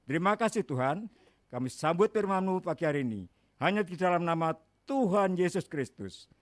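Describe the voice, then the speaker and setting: Man, church prayer leader, earnest and measured, higher voice, dry sound. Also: lively intonation, no echo. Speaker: worship leader leading prayer.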